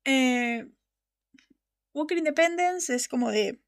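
A woman hosting a casual fan show, talking passionately and emphatically and laughing often. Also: sits high. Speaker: podcast host.

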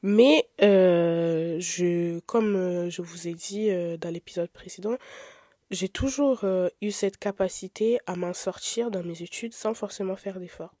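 A woman's voice: on the low side, a little slow, no room sound, clean studio sound. Candid young woman hosting a podcast. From Italy. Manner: candid, expressive, chatty with filler words. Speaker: podcast host. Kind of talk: casual podcast monologue.

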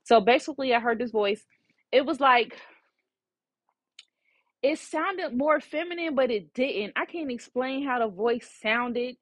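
A woman's voice: high-pitched, expressive, a little slow, pauses often, no room sound. A woman who works as a psychic medium tells a personal story casually and with animation, often saying "you know". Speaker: psychic medium and podcast host.

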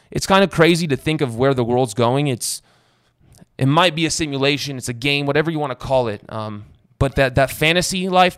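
An excited man hosts a tech interview show from his apartment and speaks directly to his audience. His voice sits in a middle range and is recorded dry, with no room echo. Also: mid-range voice, clear, resonant tone. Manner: excited, talks straight to viewers. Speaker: podcast host. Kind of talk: enthusiastic tech interview intro.

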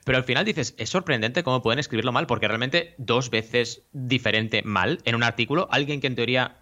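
A man co-hosts a podcast and talks quickly, with a bright, forceful voice. He explains things in an animated, chatty way. The sound is dull and lo-fi. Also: medium pitch. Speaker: podcast co-host; teacher. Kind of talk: casual podcast chat.

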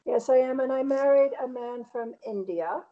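A woman's voice: high-pitched, moderate pace, mellow, dull audio. A middle-aged woman from Connecticut with a New England American accent, chatting reflectively in a casual interview. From Connecticut, United States. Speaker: painter interviewed as guest.

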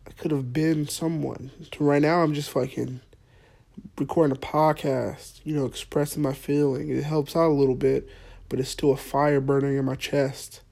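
A man's voice: on the high side, flat delivery, moderate pace, creaky, darkish tone. Man ranting in a profane, mock-earnest tone. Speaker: podcast host. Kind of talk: comedic podcast monologue.

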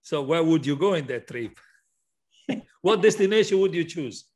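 A man's voice: on the high side, expressive, normal speed, a little mellow. A man hosting a podcast, chatting casually and rambling through repeated restarts as he asks questions. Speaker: podcast host. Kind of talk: casual interview chat.

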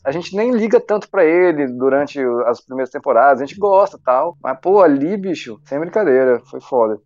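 Man in relaxed chat, muffled. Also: on the high side, brisk, no room sound. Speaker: podcast co-host. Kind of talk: casual chat.

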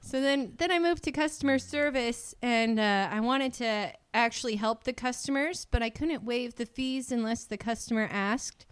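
Casual storyteller, woman, clear smooth voice, slightly high. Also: moderate pace, hardly any pauses. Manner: chatty storyteller, acts out quoted voices with laughs. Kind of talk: casual chat.

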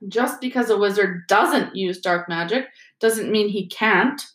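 A woman's voice: mid-range voice, unhurried, fairly bright tone, echoey room, natural voice. A woman voicing an old ghostly male history teacher with a dry, reedy voice who lectures and dismisses questions impatiently. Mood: irritated.

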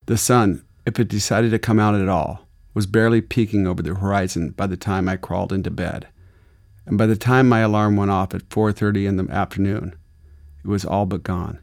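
Low-voiced wry male memoir narrator. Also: a little fast, vocal fry. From Arizona. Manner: wry, deadpan, gritty.

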